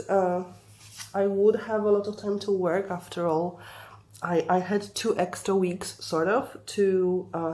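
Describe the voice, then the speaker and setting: A woman's voice: medium pitch, mellow. A young woman with a congested, stuffy voice, chatting casually in a craft vlog, hesitant and apologetic with many fillers. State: congested from the flu. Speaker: craft vlogger.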